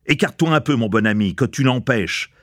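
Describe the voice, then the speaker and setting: A man voicing a cunning male prisoner who yells and insists to bluff the cook. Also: medium pitch, lively intonation, fairly quick, no room sound, clean studio sound. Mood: yelling, insistent. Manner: yelling, insistent.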